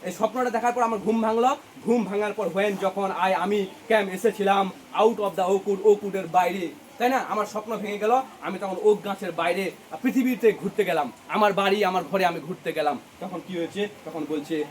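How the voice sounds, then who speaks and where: A man's voice: sits high, moderate pace, slight background noise. A young man with a Bengali accent teaching a poem, asking questions and answering them himself. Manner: mixes English lines into explanation. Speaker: English teacher. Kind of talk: poetry lesson for students.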